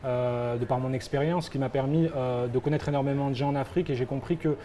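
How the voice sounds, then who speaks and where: Fast-talking and dark-toned, the young French founder of a football agency keeps his medium-pitched intonation fairly even. As an interview guest he is hesitant, relying on many fillers and restarts.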